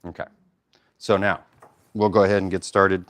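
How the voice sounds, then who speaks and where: A man's voice: deep voice, level tone, normal speed. A man teaching a casual Torah study, who often stops to explain Hebrew terms and talks with frequent fillers and restarts.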